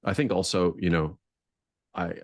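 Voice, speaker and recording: As a guest on a podcast, a man with a deep voice talks reflectively, hunting for words and growing more intense on the points that matter. His intonation is fairly even and his pace moderate, captured in studio quality without room sound.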